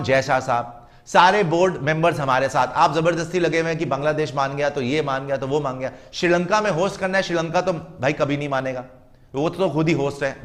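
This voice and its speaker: Guy ranting about cricket, kinda high voice, lecturing and mocking. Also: fairly bright tone. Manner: emphatic, lecturing, mocking imitations. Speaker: cricket commentator. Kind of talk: opinionated cricket commentary.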